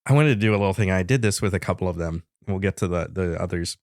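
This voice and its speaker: A man co-hosts a podcast, telling the story of a chat in a dry, deadpan manner. His voice sits fairly low, and the recording is close and dry. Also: fast, no echo. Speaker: podcast co-host. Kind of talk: casual chat.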